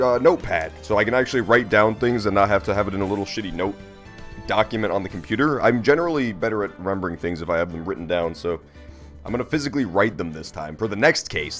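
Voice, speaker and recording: A man streaming a game and chatting casually with viewers, playful, rambling and sweary. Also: on the low side. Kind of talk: casual live-stream chat with gameplay commentary.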